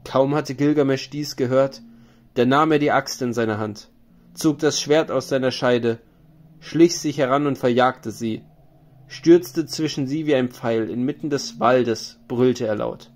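A man narrating an ancient epic as an audiobook, in a measured, solemn reading. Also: medium pitch, darkish tone.

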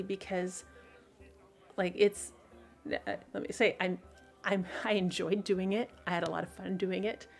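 A woman with a somewhat low voice hosts her own livestream, chatting loosely with viewers. She rambles through fillers and restarts, often breaking into laughter. Faint music sits quietly under her voice. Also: vocal fry. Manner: laughs often between thoughts. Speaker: author hosting a weekly livestream show. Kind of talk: casual livestream talk to viewers.

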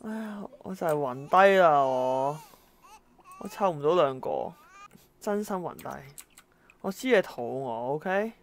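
Exasperated low-voiced woman gamer. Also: lively intonation, unhurried, long pauses. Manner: exasperated, exclaiming, talking to game characters. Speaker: gameplay commentator. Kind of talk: let's-play commentary.

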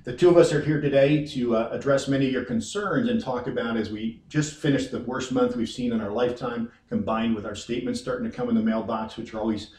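Casting: steady, plain-spoken firm president in his fifties, roomy distant sound. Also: mid-range voice, fast talker, few pauses. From Western New York. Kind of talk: reassuring conference-room talk. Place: wood-paneled conference room. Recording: roomy echo from far off.

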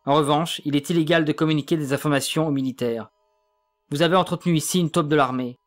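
A man's voice: a little high, steady tone, quick pace, soft background music, lightly acted. A man voicing a tense police commissioner who gives urgent, clipped orders in an audiobook. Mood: stern.

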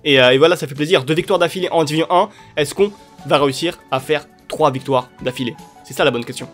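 A young man giving excitable, chatty commentary over his football video game matches, cheering at goals. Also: a little high, fast talker. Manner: excitable, cheers and shouts at plays. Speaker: gaming YouTuber. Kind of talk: live gameplay commentary. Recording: light music underneath.

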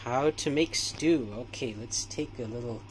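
A young man chatting casually through a cooking demonstration in a small home kitchen, relaxed and full of fillers. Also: medium pitch, a little slow, a little hiss or hum. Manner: relaxed, hesitant, many fillers. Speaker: cooking vlogger.

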